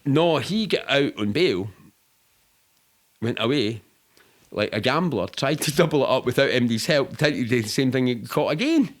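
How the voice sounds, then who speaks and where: A middle-aged man from Glasgow, with a Scottish accent, tells anecdotes as a podcast guest in a casual, candid, rambling way full of swearing. His mid-range voice has lively intonation, and he speaks at a moderate pace.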